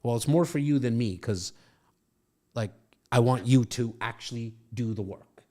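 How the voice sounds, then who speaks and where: Here's a middle-aged man with a medium-pitched, dark voice, talking at a normal speed. He's a podcast host and real estate coach giving a guest a brash, foul-mouthed pep talk during a casual mentoring chat recorded in his home studio.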